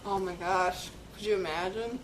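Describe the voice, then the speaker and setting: A woman's voice: medium pitch, fairly even intonation, normal speed, recorded from a distance, background noise. A young woman streaming, joking casually and sometimes talking with her mouth full. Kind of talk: casual chat.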